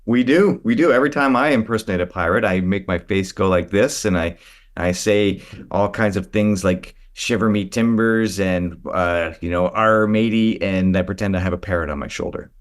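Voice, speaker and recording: A man's voice: deep voice, fairly quick. A man hosting a history show, friendly and playful as he presents. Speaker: host.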